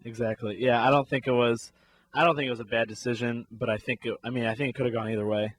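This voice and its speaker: A man's voice: medium pitch, fairly even intonation, fast, no room sound. Dry-sounding male sports talk co-host. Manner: laid-back, recounts plays in detail with laughs. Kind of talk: casual sports talk chat.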